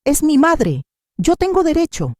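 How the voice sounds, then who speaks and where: A woman's voice: moderate pace, dark tone, no room sound, studio quality, lightly acted. Woman playing a frantic pleading daughter. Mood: desperate pleading. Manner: shrill, crying pleas.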